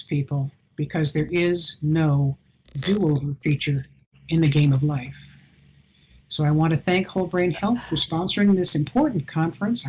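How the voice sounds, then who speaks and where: A woman's voice: deep voice, darkish tone, a little hiss or hum, rough recording. An older woman giving an online conference talk, earnest and advising, with self-deprecating asides, heard over a video call. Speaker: conference presenter.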